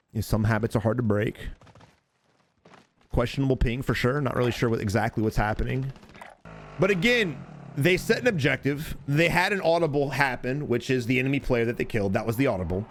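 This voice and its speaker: A man coaching as he comments on gameplay, blunt and animated, swearing freely. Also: on the high side, a little hiss or hum. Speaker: gaming coach.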